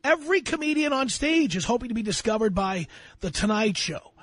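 A man's voice: extremely high pitch, very animated, a little fast, a bit bright, no room sound. A man hosting a call-in radio show, giving blunt, lecturing career advice to a caller. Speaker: radio talk show host.

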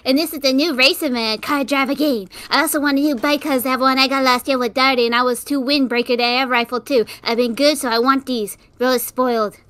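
A snobby, spoiled little boy who whines his demands loudly, as a woman puts him on. The voice is pitched high and pushy. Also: steady tone, brisk, few pauses, no room sound.

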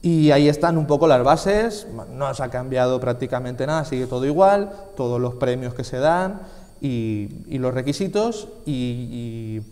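Seated at a desk in a small TV studio with a reverberant sound, a Spanish film festival organiser in his twenties gives casual, emphatic, repetitive answers as an interview guest. His mid-range voice is darkish, lively in intonation, and paced normally.

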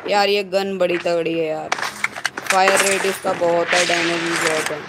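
A man's voice: high-pitched, fairly even intonation, normal speed. A man live-streaming a mobile shooter game, chatting casually and keeping on at his viewers to press like. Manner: chatty, keeps urging viewers to hit like. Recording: noisy game audio behind. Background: gunfire and game sounds.

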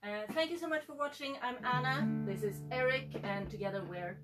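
A woman's voice: high voice, a little fast, music in the background. Swedish woman co-hosting, hesitant. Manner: friendly, hesitant with fillers. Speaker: musician and concert co-host. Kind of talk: casual stage chat. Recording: from a distance.

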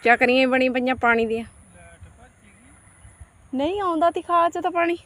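Her voice sits high and a bit bright, moving at a moderate pace. She's an adult mother vlogging on a farm, chatting with family and the camera while she works. A rural Punjabi accent colors her homely, exclamatory, grumbling village talk.

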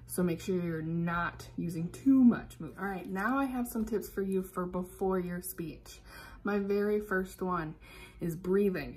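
A woman's voice: fairly low pitch, low-quality recording. Upbeat young American woman giving tips. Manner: upbeat and expressive, with fillers. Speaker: youth club staff member. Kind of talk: instructional talk to young people.

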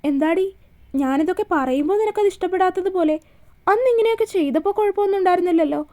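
A woman's voice: very high voice, lively intonation, fairly quick, dark tone. A woman voicing a cruel young man who holds a woman captive, in a mocking, menacing way.

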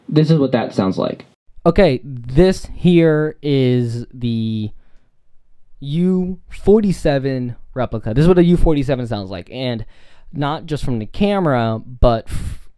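A man casually chatting in a studio vlog, testing and comparing microphones, excitable and full of restarts. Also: mid-range voice, a little slow. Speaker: vlogger. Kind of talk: casual gear-review chat. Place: studio room. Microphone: studio condenser mics, swapped between models.

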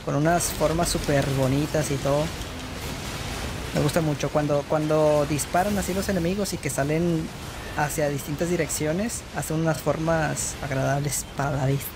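A gamer giving casual let's play commentary, excitable and swearing often, with sudden short outbursts. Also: mid-range voice, normal speed, background noise. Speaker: gameplay commentator.

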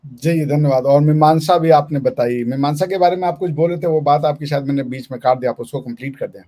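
A man's voice: on the high side, fast talker, warm tone. A man interviewing a guest, asking polite, long probing questions and mixing in English terms.

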